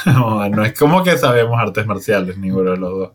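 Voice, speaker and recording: A man's voice: on the low side, expressive, moderate pace. A man with a Venezuelan accent co-hosting a casual podcast, teasing his partner and laughing easily. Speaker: podcast co-host. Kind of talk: casual chat.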